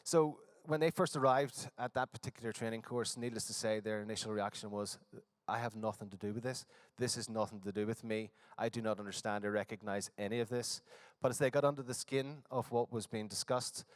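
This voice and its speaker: At a conference hall, a man from Northern Ireland with a Northern Irish accent presents a workshop, speaking hesitantly with frequent fillers and restarts. His voice is medium-pitched and the recording is dry.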